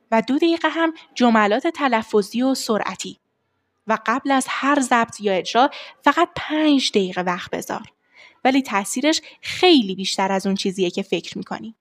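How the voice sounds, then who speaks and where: A young adult woman voice coach giving a lesson on vocal warm-ups, explaining steps and demonstrating the exercises herself. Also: on the high side. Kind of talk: voice training lesson.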